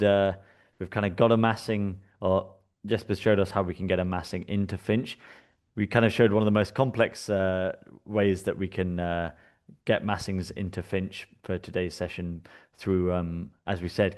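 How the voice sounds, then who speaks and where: A British man from the United Kingdom presents a live software workshop, relaxed and chatty, with plenty of fillers and restarts. His voice sits low.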